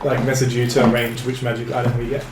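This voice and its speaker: A man's voice: mid-range voice, monotone, fast, distant mic, crowd noise. A man playing a tabletop game, asking the game master questions in casual chat. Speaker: player. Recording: roomy room with audible noise.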